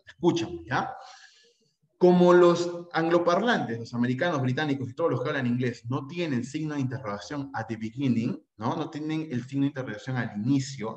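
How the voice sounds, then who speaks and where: Chatty Peruvian teacher in a roomy space. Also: male voice, medium pitch. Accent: Peruvian Spanish. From Peru. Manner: chatty, checks in often with tag questions. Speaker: English teacher. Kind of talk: pre-university lecture.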